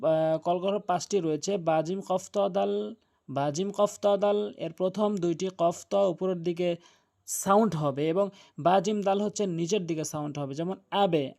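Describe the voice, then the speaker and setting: A man's voice: high voice, a little slow, vocal fry, mellow. A man teaching Quran recitation, earnestly spelling out each letter and rule with emphatic warnings. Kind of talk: religious lesson on Quran recitation.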